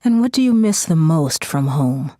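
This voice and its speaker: An actress playing an interviewer who asks attentive questions in a scripted textbook interview. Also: female voice, deep voice, very animated, normal speed, warm tone, dry recording, clean studio sound.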